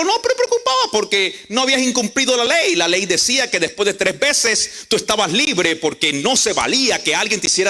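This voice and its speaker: A male pastor delivers a sermon and tells a story, playing out each character in it. His voice is high and bright, and his pitch swings widely.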